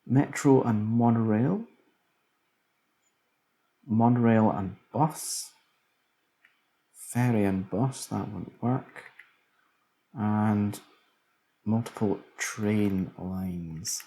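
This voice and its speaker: A man's voice: lowish voice, extremely slow, gravelly, long pauses, warm tone. A man casually commentating a city-building game, musing aloud as he builds, tired late at night. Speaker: let's play commentator.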